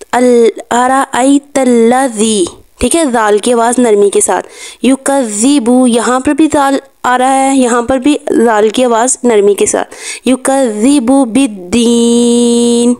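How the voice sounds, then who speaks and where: A woman teaching a step-by-step tajweed lesson, patiently explaining each sound and repeating words slowly. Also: fairly high pitch, a little mellow, no echo. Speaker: Quran recitation teacher.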